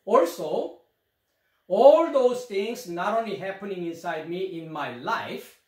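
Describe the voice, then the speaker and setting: A man's voice: high-pitched, echoey room. A middle-aged man from South Korea with a Korean accent, giving a Bible study lecture to camera and posing rhetorical questions. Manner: rhetorical questions, gestures while explaining. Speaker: Bible teacher. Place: small indoor room before a screen.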